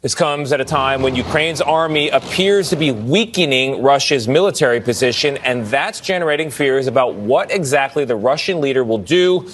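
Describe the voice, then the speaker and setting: A male news anchor reading a TV news report in a measured, even delivery. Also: mid-range voice, a little hiss or hum.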